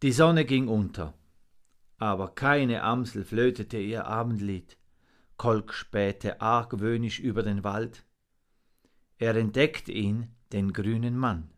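A man narrating a storybook in an expressive, measured reading. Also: fairly low pitch.

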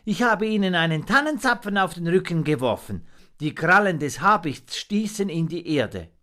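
A man reading a storybook aloud and voicing a small, brave young male monkey with a high, boyish voice and an eager, pleading manner. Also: sing-song, normal speed, pushed and bright, heavily acted.

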